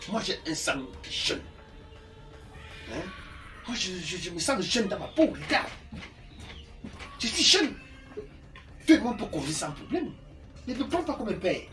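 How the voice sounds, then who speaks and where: A man's voice: sits high, big pitch swings, unhurried, pauses often. A man playing a lecherous middle-aged uncle. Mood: coaxing. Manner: insistent, wheedling, keeps tagging "hein?". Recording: distant mic with background music.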